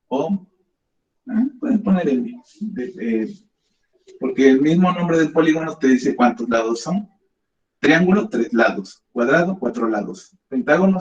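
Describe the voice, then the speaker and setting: A man teaching a math class, patiently guiding students step by step. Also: a little high. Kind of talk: classroom lesson. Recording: echoey classroom, dull lo-fi sound.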